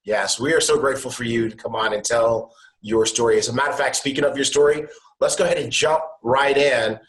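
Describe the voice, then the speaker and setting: A man's voice: medium pitch, steady tone, a little fast. A man hosting an online interview show, enthusiastic and upbeat, talking over a video call. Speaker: show host. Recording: echoey room.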